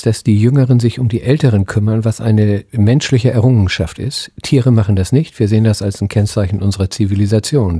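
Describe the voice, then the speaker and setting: A middle-aged man with a lowish, mellow and husky voice explains things as an expert interview guest. He is thoughtful and halting, often pausing in the middle of a phrase as he builds his point. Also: no room sound, studio quality. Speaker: psychoanalyst and academy president, interview guest.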